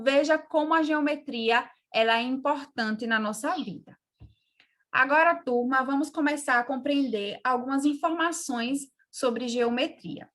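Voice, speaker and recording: A woman teacher from Brazil explaining geometry in a remote class, calm and checking in with her pupils. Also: sits high.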